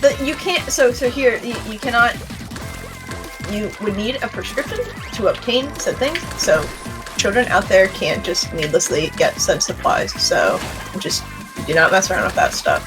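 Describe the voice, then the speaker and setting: A woman's voice: mid-range voice, sing-song, moderate pace. A woman streaming a game, chatting casually and rambling with many restarts. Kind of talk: casual chat while gaming. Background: game music.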